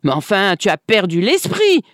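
A storyteller voicing an angry, scolding wife who shouts at her husband, in a read-aloud folk tale. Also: medium pitch, lively intonation, normal speed, no room sound, clean studio sound, pitched above the performer's own voice, natural voice. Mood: furious.

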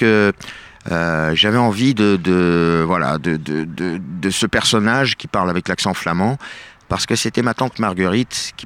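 A man's voice: low voice, fairly bright tone. A middle-aged man, an actor and bandleader, answering radio interview questions hesitantly, with many fillers and restarts.

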